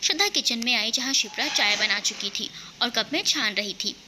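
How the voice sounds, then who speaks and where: A woman narrating a romantic family story in a steady, even reading. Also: fairly high pitch, fairly quick, noisy background.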